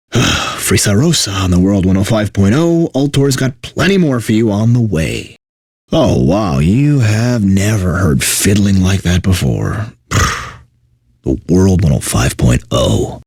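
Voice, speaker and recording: A deep-voiced man gives a full character voice as a burnt-out, bitter corporate DJ in a video game, slow and sing-song, a little mellow with a breathy edge. Exaggerated announcer patter alternates with sardonic, exasperated asides in a weary mood. The recording is studio quality with no room sound.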